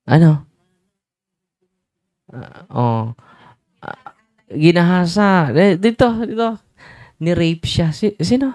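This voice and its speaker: Slow-talking priest quizzing his crowd. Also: sits high, animated, darkish tone, no echo, clean studio sound. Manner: teasing, asks the crowd quick questions. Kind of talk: lively sermon with audience questions.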